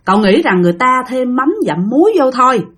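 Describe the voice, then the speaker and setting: Woman, husky voice, lively animated delivery, chatty ghost-story narration. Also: high voice, a little fast. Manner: chatty, addresses listeners directly.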